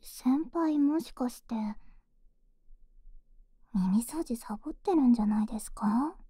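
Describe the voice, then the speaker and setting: A woman's voice: on the high side, lively intonation, measured pace, warm tone, husky, dry recording, clean studio sound. Cute girlfriend, whispered role-play, right in your ear. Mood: tender, teasing. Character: cute young clingy teasing junior-student girlfriend. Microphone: binaural dummy-head microphone, very close.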